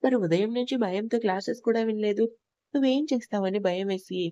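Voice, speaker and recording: A woman's voice: medium pitch, fairly quick, warm tone, dry recording, close to an everyday voice. A woman voicing a frightened, tearful young wife in a storybook reading, pleading and anxious.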